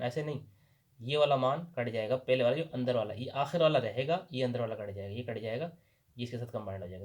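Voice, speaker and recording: Patient Pakistani teacher working through examples. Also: male voice, mid-range voice. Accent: Pakistani Urdu. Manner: patient, repeats questions and answers them himself. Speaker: language teacher. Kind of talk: explaining a lesson at a board.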